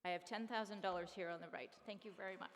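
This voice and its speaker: A woman hosting a fundraising dinner, briskly calling auction bids and coaxing donations in an upbeat, persuasive way. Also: mid-range voice, steady tone. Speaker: charity auctioneer and fundraiser host. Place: large hall at an awards dinner. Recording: long reverb hall, faint room noise.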